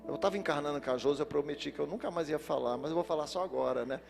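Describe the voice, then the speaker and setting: A male pastor preaching to his congregation in a slightly high, gravelly voice, mixing humorous anecdotes into the sermon. His words ring out with a long church-hall reverb, and soft music plays underneath. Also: rapid-fire. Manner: lively storytelling, addresses the congregation directly.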